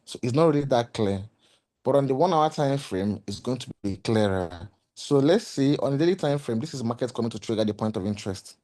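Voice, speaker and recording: A man with a slightly hoarse voice explaining trading charts in a lesson, walking through the steps and repeating key points with rhetorical questions. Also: mid-range voice, expressive, fairly quick, dark tone. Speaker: trading mentor. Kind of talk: screen-share trading lesson.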